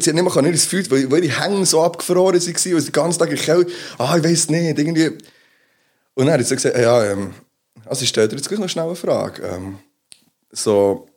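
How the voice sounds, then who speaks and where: A man's voice: mid-range voice, a little mellow, breathy edge. A man with a Swiss German accent, chatting casually as a podcast co-host and rambling through stories with many fillers. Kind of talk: casual chat.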